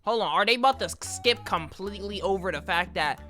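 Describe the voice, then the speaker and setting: A man's voice: sits high, a little fast, bright, forceful tone, soft background music. A man giving casual, slang-filled reaction commentary, talking back at the video as it plays.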